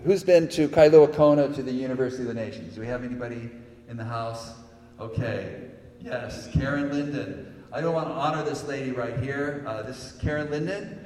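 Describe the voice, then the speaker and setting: A man's voice: medium pitch, fairly quick, mellow. An older man preaching a sermon in a church, rambling with many fillers and rising to emphatic peaks. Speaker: pastor. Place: church hall. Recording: echoey hall with long reverb.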